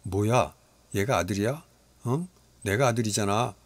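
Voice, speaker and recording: A man voicing a jealous, sulky schoolboy who whines and yells, in a storybook reading. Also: fairly low pitch, moderate pace, no room sound, lightly acted. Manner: whiny, yelling.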